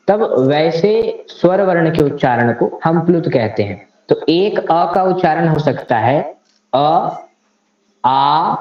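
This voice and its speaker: Slow, deliberate male grammar teacher. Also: a little high. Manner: slow and deliberate, reciting Sanskrit grammar rules. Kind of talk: lecture. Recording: echoey, slightly dull room recording.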